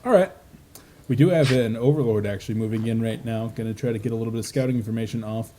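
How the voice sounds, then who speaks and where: A man doing casual play-by-play commentary on a video game match, relaxed and chatty with lots of filler words. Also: medium pitch, fast, slight background noise. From United States. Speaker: esports caster.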